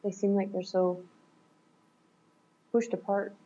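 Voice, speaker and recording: A woman's voice: medium pitch, little pitch movement, slow, mellow, slightly rough, dull audio. A woman on a reflective coaching call, talking thoughtfully and searching for words, laughing often. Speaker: coaching client.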